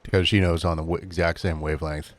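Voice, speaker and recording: A man's voice: sits low, flat delivery, fast. A man playing a tabletop game, tossing in jokey remarks. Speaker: player. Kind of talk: casual tabletop play.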